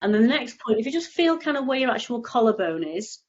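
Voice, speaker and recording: A guest EFT tapping practitioner with a cold and a blocked nose explains tapping casually over a video call, rambling and often restarting. Her voice sits slightly high with a sing-song lilt and a quick pace, and the recording's high frequencies are cut off.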